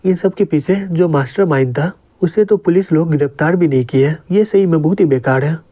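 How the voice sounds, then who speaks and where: A man who explains comics, narrating a story in steady storytelling. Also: a little high, a little fast.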